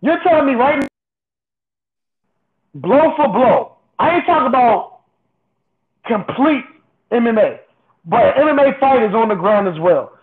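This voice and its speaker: A man's voice: very high-pitched, big pitch swings, measured pace, pauses often. A man co-hosting a casual sports podcast, talking insistently and repeating himself to make his point, heard over a remote call whose audio keeps glitching and breaking up. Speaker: podcast co-host. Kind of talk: casual argumentative sports chat. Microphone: headphones with built-in mic on a remote call. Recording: tinny phone-like call line.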